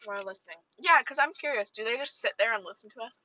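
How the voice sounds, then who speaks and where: Young woman co-host, bright and a touch high, teasing, casual car chat, slightly dull sound. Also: lively intonation, fast, slight background noise. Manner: teasing, dry. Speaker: podcast co-host. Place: parked car.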